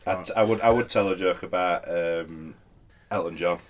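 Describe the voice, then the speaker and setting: Deep-voiced British man telling dad jokes. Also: moderate pace. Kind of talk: casual joke-swapping among friends.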